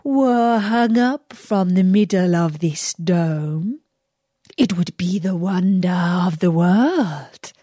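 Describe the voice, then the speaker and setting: A woman voicing a wicked male magician disguised as a holy woman, speaking slowly and slyly. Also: lowish voice, lively intonation, mellow, dry recording, clean studio sound.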